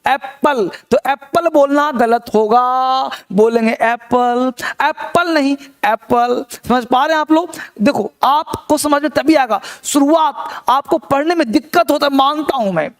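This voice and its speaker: A man teaching an online English pronunciation class, repeating words slowly and asking the class whether they follow. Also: extremely high pitch. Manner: repeats words slowly and asks checking questions.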